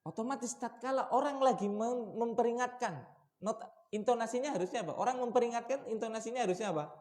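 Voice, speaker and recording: A man preaching at a mosque study session, asking his listeners questions and shifting between raised warnings and quiet asides. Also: fast. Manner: lively, shifts from loud warnings to low asides, asks the audience questions. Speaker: Islamic preacher.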